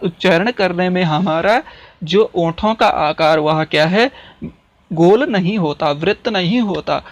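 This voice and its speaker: A man teaching a grammar lesson, who poses questions to his students and answers them himself, repeats key terms, and checks in with "okay" after each point. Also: high voice. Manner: checks in with "ठीक है" often. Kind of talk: classroom-style explanation lesson.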